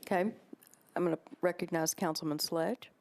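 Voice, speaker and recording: A woman serving as vice mayor, chairing a council meeting in a brisk, procedural way as she reads bill titles and calls votes. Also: fairly low pitch, steady tone, creaky, darkish tone, a little hiss or hum.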